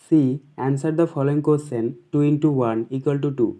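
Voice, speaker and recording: Brief: male tutor from West Bengal, exam walkthrough, drawn-out reading, mellow, slightly high. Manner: reads English questions very slowly, explains quickly in Bengali. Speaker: teacher. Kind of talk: exam paper walkthrough lesson.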